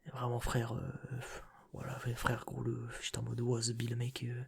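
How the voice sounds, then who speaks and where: A young man whispers a rambling story straight into a close ASMR microphone. His voice is very breathy and husky, with a gravelly fry. The delivery stays flat and full of casual slang. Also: mid-range voice, normal speed. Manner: soft whispering close to the mic. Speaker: ASMR creator.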